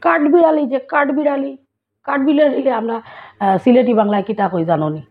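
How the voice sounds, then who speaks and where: A woman's voice: high-pitched, fairly quick. A woman with a Sylheti accent chatting casually to her viewers in a vlog, often checking whether they follow. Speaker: vlogger. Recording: tinny phone-like sound.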